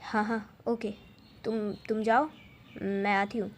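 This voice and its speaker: A woman's voice: mid-range voice, flat delivery, takes it slowly, slight background noise, lightly acted. A woman voicing a flustered young woman in love, who stammers and repeats herself.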